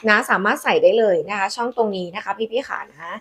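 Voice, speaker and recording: A woman hosting a live sales pitch, demonstrating products in a chatty, coaxing way with polite endearments to customers. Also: quick pace, a bit bright, breathy edge. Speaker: live-selling host presenting handbags.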